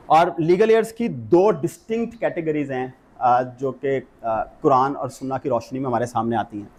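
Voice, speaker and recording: A man's voice: a little high, darkish tone. A middle-aged man with a Pakistani Urdu accent, giving a classroom law lecture and explaining step by step while mixing in English legal terms.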